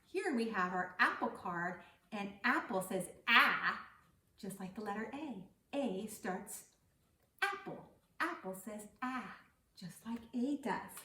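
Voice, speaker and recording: A woman's voice: medium pitch, lively intonation, takes it slowly, bright, forceful tone. A middle-aged woman giving a kindergarten phonics lesson, speaking to small children and stressing key words and letter sounds. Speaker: kindergarten teacher. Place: indoor room set up as classroom. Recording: roomy echo, distant mic.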